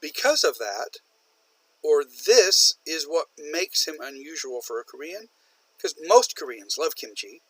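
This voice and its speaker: A man's voice: a little high, big pitch swings, a little slow, fairly bright tone, no room sound, poor audio. A man lecturing a university business English class, patiently repeating and stressing example sentences. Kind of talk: recorded online lecture.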